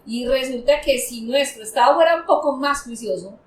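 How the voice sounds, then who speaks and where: A woman accountant and former auditor from Colombia, chatting on a panel in an animated way and acting out the people she quotes. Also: high voice, normal speed, distant mic. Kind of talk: casual panel chat. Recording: echoey room, off mic, faint noise.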